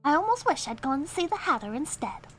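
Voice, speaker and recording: A woman with a sore throat voicing Alice, a curious, polite young girl, in a prim, clearly enunciated storybook reading. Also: high-pitched, very animated, fast talker, a bit bright, faint music behind, voice pushed down.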